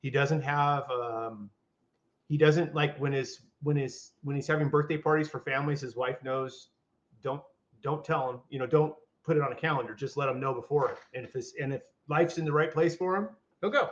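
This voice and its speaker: A man's voice: medium pitch, normal speed. Rambling older man on a lo-fi podcast. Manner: rambling, with many restarts and fillers. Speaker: podcast co-host. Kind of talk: casual chat. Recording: dull lo-fi audio.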